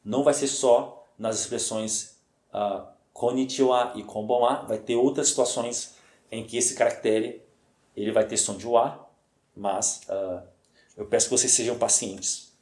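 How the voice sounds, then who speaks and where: Brazilian man teaching slowly, echoey room. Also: mid-range voice, steady tone, a little mellow. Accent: Brazilian Portuguese. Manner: patient, repeats points, checks in with "ok?" and "né?"; slows down and stresses Japanese words. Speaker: language teacher. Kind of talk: spoken lesson.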